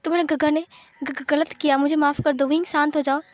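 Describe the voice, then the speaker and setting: A woman's voice: sits high, level tone, a little fast, natural voice. A woman voicing a pleading, possessive young man. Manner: pleading, repeated apologies. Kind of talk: fan fiction audio storytelling.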